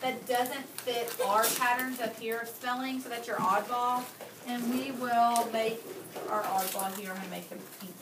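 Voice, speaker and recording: A woman walks students through a spelling lesson, patient and methodical, with a few ums along the way. Her voice sits a little high. The recording is echoey and noisy. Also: fairly even intonation, moderate pace. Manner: patient, explains step by step with fillers. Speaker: teacher. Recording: echoey room, noisy, mic far off.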